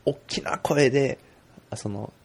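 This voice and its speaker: Man, gravelly husky voice, lively storytelling podcast co-host. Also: slow pace. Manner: storytelling, acts out quoted voices in a high pitch. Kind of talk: casual chat.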